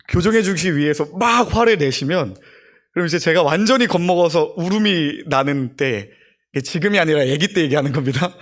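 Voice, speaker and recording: A young man, a junior pastor, preaching a sermon and acting out the prayers he quotes. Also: on the high side.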